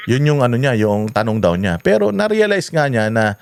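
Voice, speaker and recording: An animated male host retells a story in casual talk, his pitch swinging widely as he laughs and searches for words. The sound is dry and close, with no room around it. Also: moderate pace, gravelly, clear, resonant tone, no echo. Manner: animated, laughing, full of fillers.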